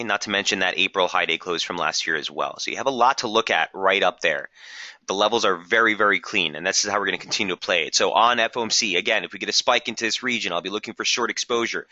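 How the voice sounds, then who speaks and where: A man hosting a live trading webinar, brisk and technical, losing his voice and clearing his throat now and then. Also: lowish voice, pushed and bright, no room sound, muffled recording. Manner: brisk, technical, addresses viewers as guys. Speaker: market strategist hosting a webinar.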